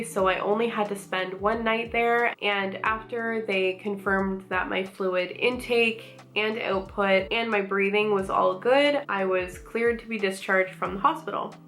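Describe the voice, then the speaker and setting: A woman narrates her own experiences for a vlog. She speaks in a matter-of-fact, articulate way, with touches of dry understatement. Her voice sits at an ordinary medium pitch for a woman. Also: a bit bright. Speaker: vlogger. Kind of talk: personal storytelling vlog narration.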